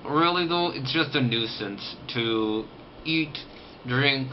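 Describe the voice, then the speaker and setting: A dull, lo-fi recording with noticeable background noise carries a man's casual vlog talk. His voice sits at an average pitch. He speaks as someone with a stiff, sore jaw would. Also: slow. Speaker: vlogger recovering from jaw surgery.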